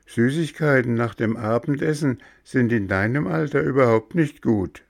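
A man voicing a cheeky young male helper in a storybook, who talks quickly and teasingly. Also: medium pitch, creaky, dry recording, studio quality, pitched above the performer's own voice.

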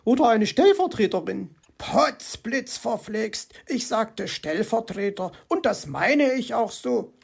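A woman's voice: fairly high pitch, big pitch swings, takes it slowly, creaky, hardly any pauses, darkish tone, slightly rough, full character voice. A woman voicing a grumbling injured male fox in a children's story, exasperated.

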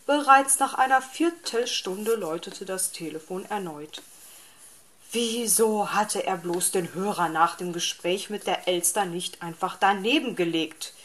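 Slow calm woman storyteller. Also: medium pitch. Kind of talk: children's story narration.

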